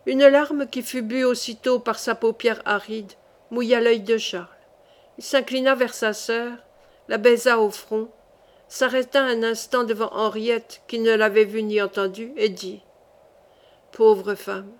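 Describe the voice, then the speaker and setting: A woman's voice: fairly high pitch, steady tone, a little slow. Woman narrating a classic audiobook. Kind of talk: audiobook reading of a classic novel.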